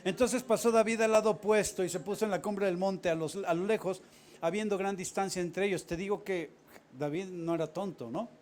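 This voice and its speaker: Lively high-voiced man preaching. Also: brisk. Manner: animated storytelling with chatty asides to the congregation. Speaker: pastor. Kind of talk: sermon.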